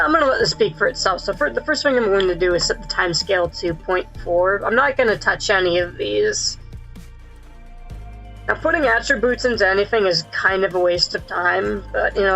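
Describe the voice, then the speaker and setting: A streamer talking through a live gameplay session with a voice digitally pitched up like a chipmunk, rambling and correcting themselves with frequent laughs. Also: gravelly, pushed and bright, lo-fi sound. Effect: pitched-up chipmunk-like voice filter.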